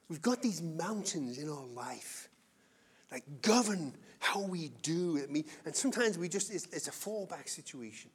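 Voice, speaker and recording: A male pastor preaching a sermon in an earnest, conversational way, going from loud to quiet. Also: mid-range voice, husky. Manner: earnest, conversational preaching with wide swings in loudness.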